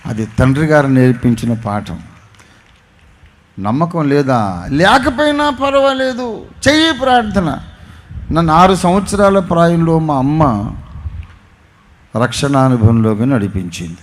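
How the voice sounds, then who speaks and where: A man's voice: expressive, unhurried, pauses often. A male pastor with a Telugu accent preaching a sermon, acting out an anecdote with sudden rises and drops in voice. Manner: dramatic storytelling, voicing characters with swings in pitch and loudness. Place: church gathering.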